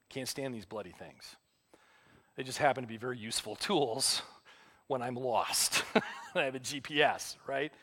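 A man's voice: medium pitch, fairly bright tone. Conversational man preaching a sermon. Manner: conversational, self-deprecating storytelling. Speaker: pastor.

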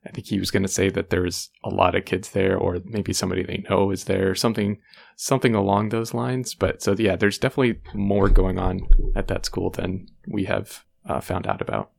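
Male podcast co-host, low gravelly voice, relaxed episode-recap chat. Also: a little fast. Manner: relaxed, recaps plot with fillers.

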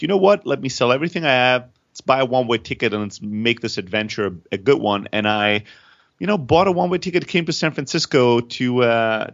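A Greek-born startup founder in his thirties who grew up in Germany tells his story candidly in an interview. His middle-pitched voice carries restless energy, and he often restarts phrases and repeats words, all on slightly dull, lo-fi audio.

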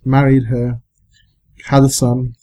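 Man on a podcast, mellow voice, deadpan clipped delivery. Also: mid-range voice, slow pace, low-quality recording. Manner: dry, clipped storytelling. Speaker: podcast co-host. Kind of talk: casual podcast chat, storytelling.

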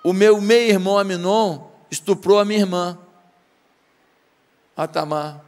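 A preacher playing an outraged young prince. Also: male voice, high voice, a little slow, darkish tone, long reverb tail. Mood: urgent. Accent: Brazilian Portuguese.

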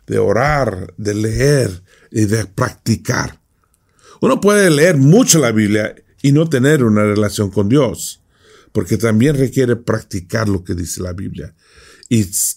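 A man's voice: medium pitch, gravelly, darkish tone. A man preaching a Bible study sermon, reading scripture and explaining it, often checking in with short rhetorical questions. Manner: slow, deliberate, with frequent rhetorical tag questions.

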